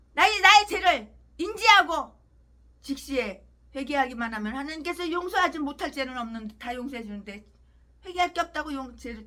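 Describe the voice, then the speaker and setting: A woman pastor delivering an angry preaching rant, trading crude insults and swinging between shouts and low mutters.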